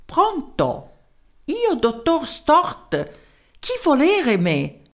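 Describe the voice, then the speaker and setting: A woman's voice: high voice, huge pitch swings, drawn-out words, voice pushed up, exaggerated voice. A woman voicing a fussy foreign male professor with a put-on German accent and broken, clipped speech. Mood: brusque. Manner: broken grammar, clipped impatient replies.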